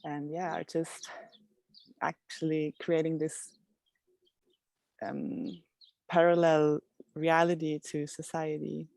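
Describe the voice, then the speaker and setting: A woman from Switzerland, a podcast guest speaking outdoors in a reflective, halting way. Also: sits low, vocal fry, dry recording. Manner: soft, reflective, halting with restarts. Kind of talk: casual interview chat. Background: birdsong.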